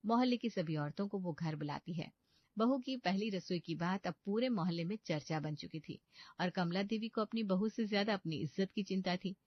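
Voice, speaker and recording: Woman narrating a cartoon, steady voice, kinda dull lo-fi and dry. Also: medium pitch, normal speed, no echo. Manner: even, plain storytelling. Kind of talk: scripted storybook narration.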